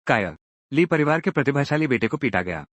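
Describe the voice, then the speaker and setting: A man's voice: medium pitch, sing-song, fairly quick, no echo, dull audio. A man narrating a drama recap and voicing every character's lines himself, acting each one out in turn.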